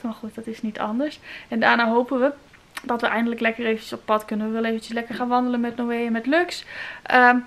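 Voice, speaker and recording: Een jonge vrouw met een Nederlands accent die ontspannen en babbelend vlogt, met veel aarzelingen. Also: female voice, fairly high pitch, vocal fry. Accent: Dutch. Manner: relaxed, chatty, many filler sounds. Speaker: vlogger, new mother. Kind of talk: casual vlog chat.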